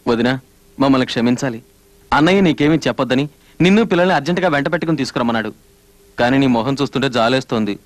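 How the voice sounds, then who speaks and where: A man's voice: mid-range voice, expressive, racing, no echo, close to an everyday voice. An actor playing a brash young man, the brother, in theatrical film dialogue. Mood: somber. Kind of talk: Telugu film acting.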